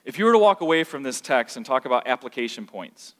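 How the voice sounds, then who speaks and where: A man teaching scripture to a group, asking the room questions and getting louder and higher when he makes a point. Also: fast talker. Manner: animated, asks the room questions, rises in pitch when emphatic. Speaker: pastor teaching a class. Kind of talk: interactive Bible teaching. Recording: long hall reverb.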